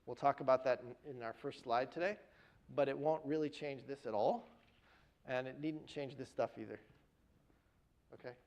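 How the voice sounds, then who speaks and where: A man giving a university lecture in a classroom, his voice pitched in a middle register. He walks through the material step by step and keeps checking in with the students. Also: moderate pace, long pauses, a little mellow, poor audio. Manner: explains step by step, often checks in with "right?" and "okay?". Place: lecture hall.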